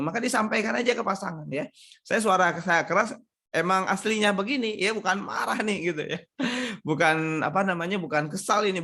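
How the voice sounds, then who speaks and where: A man's voice: fairly high pitch, a bit bright. Sumatran man giving a relationship talk. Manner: conversational, reads out audience questions and answers them with tag questions. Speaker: marriage seminar speaker. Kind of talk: live online seminar with Q&A.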